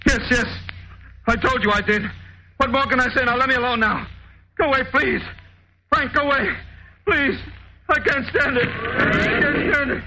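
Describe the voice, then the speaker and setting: A man's voice: very high-pitched, moderate pace, pauses often. An actor playing an agitated, pleading male scoundrel who is cornered, in 1940s radio style. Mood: panicked pleading. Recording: noisy old radio recording.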